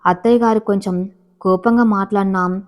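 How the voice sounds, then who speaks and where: A woman's voice: mid-range voice, steady tone, moderate pace, natural voice. A woman voicing a dutiful, guarded young wife in a storybook reading, speaking in a restrained, firm way.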